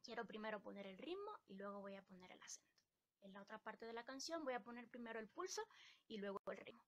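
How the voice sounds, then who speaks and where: A woman's voice: fairly high pitch, expressive, fast. A woman from Ecuador teaching a live-stream music lesson, explaining patiently and singing rhythm syllables to show the beat.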